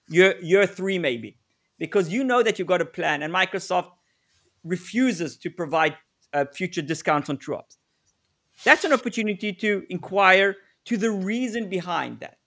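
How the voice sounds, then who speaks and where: This middle-aged South African negotiation consultant is presenting a live webinar over a video call. His high-pitched voice is animated, bright and forceful at a normal speed, and he talks conversationally, repeating words as he thinks and acting out sample exchanges.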